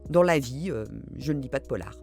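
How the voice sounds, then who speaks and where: Answering questions from her viewers, a middle-aged reading-channel host speaks in a rumbling low voice that is animated, fairly quick and a little mellow. She keeps things chatty and self-mocking, full of hesitant fillers, over faint background music.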